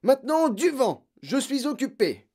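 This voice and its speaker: A man's voice: very high-pitched, very animated, a little slow, voice pushed up, heavily acted. An audiobook narrator voicing an angry, bullying father who barks orders at his daughter. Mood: shouting angrily. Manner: shouting, barking orders. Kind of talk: audiobook character voice.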